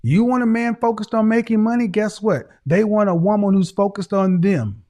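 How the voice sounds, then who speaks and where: A middle-aged man hosts a call-in advice show, lecturing a caller over a video call in a harsh, repetitive way. His voice is high-pitched with a dark tone, and he talks at normal speed.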